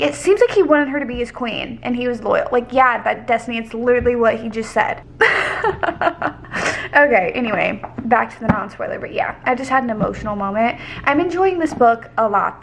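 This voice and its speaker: A woman's voice: on the high side, vocal fry, slight background noise. A young woman vlogging casually about her reading, chatty and gushing, tripping over fantasy names. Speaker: book vlogger. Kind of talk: casual chat.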